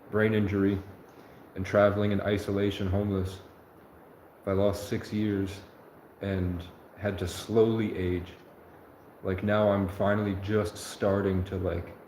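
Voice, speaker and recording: A man in his twenties streams live, rambling sincerely and correcting himself along the way. His pitch is fairly low and his voice slightly mellow, recorded in an echoey space with faint noise.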